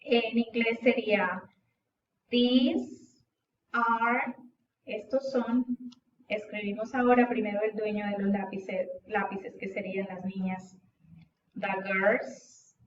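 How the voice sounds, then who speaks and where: A woman teaching an English lesson, reading words slowly and then giving their translations. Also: mid-range voice, little pitch movement, echoey room, recorded from a distance, highs cut off, a little hiss or hum.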